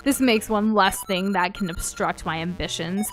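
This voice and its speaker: Scheming sorceress villain, acted by a woman, slow theatrical menace, gloating, video game dialogue, music behind. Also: mid-range voice, fairly even intonation, fairly bright tone, close to an everyday voice, poor audio. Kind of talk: reading video game dialogue aloud in character.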